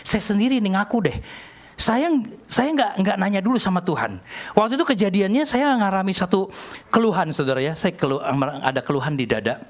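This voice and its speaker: A man's voice: high voice, a little fast. An older man preaching a sermon, telling a personal story in a chatty, joking way. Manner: chatty, jokey, acts out dialogue in animated voices. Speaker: pastor.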